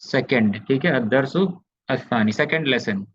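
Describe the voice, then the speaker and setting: A man's voice: medium pitch, unhurried, a bit bright, lo-fi sound, slight background noise. A man from India teaching an Arabic grammar lesson, explaining patiently and often checking that his students follow. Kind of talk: online class lecture.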